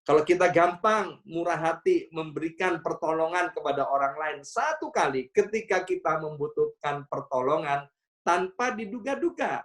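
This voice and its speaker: A middle-aged man, a senior pastor, preaching in a relaxed, conversational way, telling personal stories and acting out voices, often addressing his listeners directly and slipping English phrases into his talk. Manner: storytelling, acts out dialogue with sudden high bursts. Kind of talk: conversational sermon.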